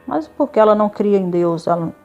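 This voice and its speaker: A woman's voice: mid-range voice, expressive, brisk, warm tone, muffled recording, soft background music. Woman giving a heartfelt testimony. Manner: emotional storytelling, retelling dialogue with quoted voices. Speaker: church member giving testimony. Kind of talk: religious testimony.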